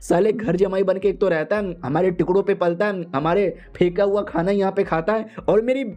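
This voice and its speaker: A man doing a shrill scolding mother-in-law. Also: fairly even intonation, fairly quick, warm tone, muffled recording, close to an everyday voice. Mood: furious. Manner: screeching, abusive, spluttering. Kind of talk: comic manhua recap voice.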